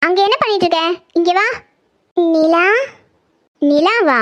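A woman's voice: very high-pitched, takes it slowly, fairly bright tone, heavily acted. A woman voicing a stern young woman in a cartoon who scolds a girl for entering her room without asking. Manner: scolding, demanding respect. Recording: slightly dull lo-fi audio.

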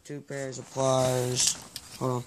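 A man, slowly listing the gear in his tackle box in a low-key late-night chat at home. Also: completely flat delivery. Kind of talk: casual late-night show-and-tell. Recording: noisy home phone video.

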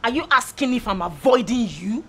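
A woman's voice: on the high side, animated, fairly quick, slight background noise. An actress with a Nigerian accent playing a young woman who angrily throws out her cheating boyfriend. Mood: furious. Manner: sharp, scornful, shouting. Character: fed-up young girlfriend, furious and shouting.

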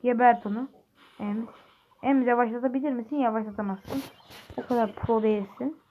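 A woman giving casual, joking gameplay commentary, excitable and trash-talking her teammates, speaking close to the mic. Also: fairly high pitch, moderate pace. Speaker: gaming video creator. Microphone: close desk mic. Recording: muffled lo-fi mic with faint hiss.

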